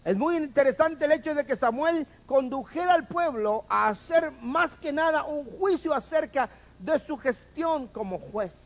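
A man's voice: very high-pitched, animated, measured pace, dull audio. A man preaching a sermon, firing rhetorical questions at the congregation and having them repeat after him.

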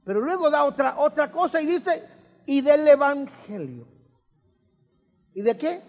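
Male preacher with a very high voice, emphatic and humorous, in an echoing church hall. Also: big pitch swings, unhurried, darkish tone. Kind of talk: sermon. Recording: reverberant hall, dull lo-fi sound.

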